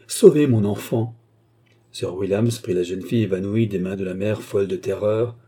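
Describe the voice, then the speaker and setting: A man narrating a classic novel in a steady, measured literary reading. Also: lowish voice, slightly rough. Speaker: audiobook narrator. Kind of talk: scripted narration.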